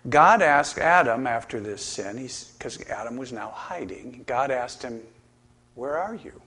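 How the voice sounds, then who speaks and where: A male preacher delivering a sermon, talking conversationally. He brings quoted lines to life with playful, animated delivery. His voice sits at an ordinary middle pitch. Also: unhurried. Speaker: preacher and counselor.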